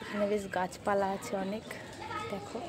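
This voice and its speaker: A woman vlogging casually at home, talking quietly and gently coaxing her mother. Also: medium pitch, level tone, moderate pace, heavy background noise. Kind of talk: casual vlog chat. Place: at home with family.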